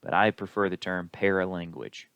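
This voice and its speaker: A man giving a recorded lecture as an instructor, explaining in an unhurried way with the odd filler. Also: low-pitched, fairly even intonation, vocal fry, a bit bright, clean tone, no echo, lo-fi sound.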